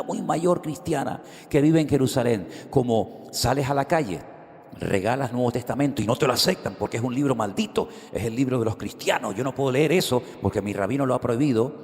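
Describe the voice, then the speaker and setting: A man's voice: medium pitch, gravelly, a little mellow. A middle-aged man preaching a sermon, telling stories animatedly and acting out the dialogue. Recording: reverberant hall.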